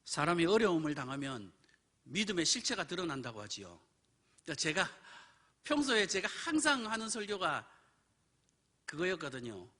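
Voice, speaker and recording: Male preacher, animated storyteller with a bright, lively pitch. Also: moderate pace, long pauses. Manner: animated storytelling, acts out quoted voices. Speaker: pastor. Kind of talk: sermon with personal story. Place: church.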